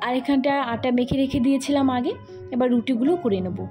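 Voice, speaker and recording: A slightly hoarse woman narrating her home cooking vlog in a chatty way, talking straight to viewers with plenty of fillers. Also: sits high, fast talker, muffled recording, faint music behind. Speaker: cooking vlogger. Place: home kitchen.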